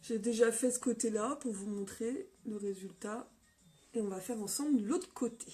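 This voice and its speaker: A woman with a slightly hoarse voice hosting a casual live-stream makeup tutorial on her phone, upbeat and greeting viewers by name. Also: a little high, moderate pace, mellow, faint music behind.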